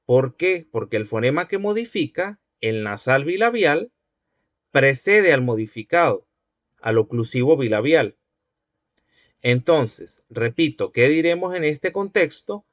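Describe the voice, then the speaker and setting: Male lecturer, somewhat high voice, patient and repetitive, dry muffled lo-fi sound. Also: big pitch swings, measured pace, no room sound. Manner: patient, repetitive, asks checking questions. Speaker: linguistics teacher. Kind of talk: university lecture. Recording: dry, dull lo-fi recording.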